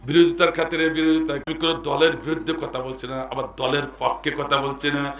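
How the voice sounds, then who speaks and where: A hoarse man with a Bangladeshi Bengali accent preaching a sermon, dropping to low confiding talk and then breaking into loud shouts as he quizzes the crowd. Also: flat delivery, fairly quick, roomy sound. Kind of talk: Islamic sermon at a mahfil.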